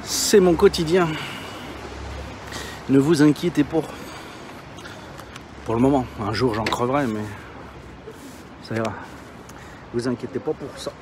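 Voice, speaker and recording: With frequent pauses and a measured pace, this mid-range male streamer chats informally to viewers as he walks around town, panting and short of breath. His talk is slangy and meandering. The street recording is noisy with passing traffic.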